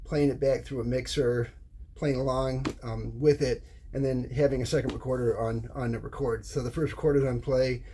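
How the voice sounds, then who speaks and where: A middle-aged or older American man, presenting as a hobbyist, gives an informal, unscripted explanation, halting often and repeating words or restarting phrases. His mid-range voice is mellow, with fairly even intonation, and there's slight background noise.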